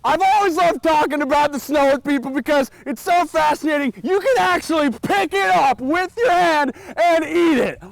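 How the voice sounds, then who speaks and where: A man playing a hyper, dim slacker dude as a shouty, excitable field reporter in a parody newscast. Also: extremely high pitch, normal speed, creaky, hardly any pauses, no room sound, poor audio. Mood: excited, boastful. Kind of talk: parody live news report.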